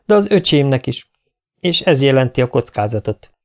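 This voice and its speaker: Egy férfi, aki egy nyugodt, komoly trónörököst szólaltat meg, megfontoltan érvelve. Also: male voice, medium pitch, sing-song. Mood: grave. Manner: measured, reasoning. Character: calm, grave royal prince, heir.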